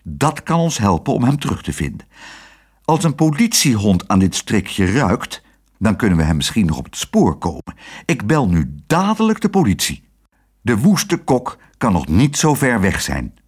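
A man's voice: lowish voice, huge pitch swings, normal speed, a little mellow, slightly rough, full character voice. A man playing a stern scolding director. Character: stern angry male care home director.

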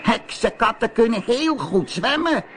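A man voicing an angry, spiteful female sea witch in a storybook reading, with a shrill manner. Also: big pitch swings, a little slow, fairly bright tone, slight background noise, full character voice. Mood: scheming.

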